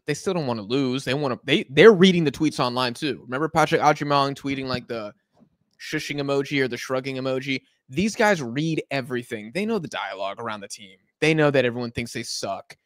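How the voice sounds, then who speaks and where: An American man with a mid-range voice casually hosts a live football watch-along from his couch at home, in clean studio-quality sound with no echo. Laid-back and rambling, he answers chat comments on the fly as they come in.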